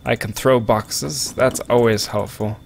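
A man's voice: medium pitch, fairly even intonation, unhurried, vocal fry. Guy rambling n joking thru a horror game, close mic, lil faint hum behind. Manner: joking, rambling, talks to viewers. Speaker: let's play commentator. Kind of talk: casual gameplay commentary. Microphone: close desk microphone.

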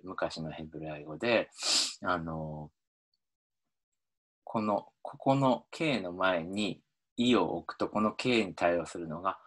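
A man lecturing on linguistics over slides, talking in an animated way with many hesitations, fillers and restarts. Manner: animated, pitch swinging up and down. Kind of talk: explaining phonology over slides.

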